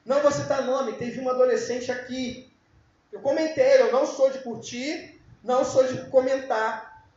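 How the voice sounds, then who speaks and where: A man preaching an informal youth sermon, joking and now and then breaking into shouts. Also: extremely high pitch, steady tone, normal speed. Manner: casual, joking, with bursts of shouting. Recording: very echoey, dull lo-fi room sound.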